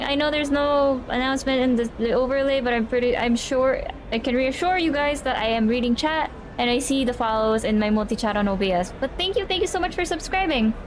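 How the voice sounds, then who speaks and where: Her voice high-pitched and brisk, a young Tagalog-speaking woman from the Philippines rambles to viewers during a casual stream. Noise sits behind her as she restarts words and stutters "I, I."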